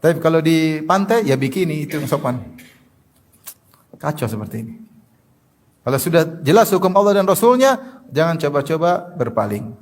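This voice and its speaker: Male preacher, sermon, slightly high voice, animated, mocking tone, Arabic recitation. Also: moderate pace, pauses often. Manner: animated, mocking imitations of opponents.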